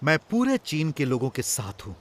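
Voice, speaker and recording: Revolutionary leader: high, lively, bright voice, impassioned and declaiming. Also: male voice, normal speed. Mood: earnest. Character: fiery male revolutionary leader addressing bankers. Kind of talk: film dub.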